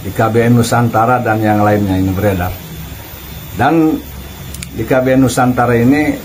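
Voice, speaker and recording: A man's voice: medium pitch, darkish tone, a little hiss or hum, poor audio. A man giving casual online commentary, chuckling and firing off pointed rhetorical questions. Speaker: YouTube commentator.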